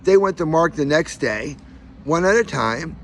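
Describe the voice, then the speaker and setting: A man's voice: on the high side, expressive, a little slow, a little hiss or hum. A man telling his own story in an aggrieved, emphatic rant, his speech slightly slurred by missing front teeth. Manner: aggrieved, emphatic, acts out reported dialogue.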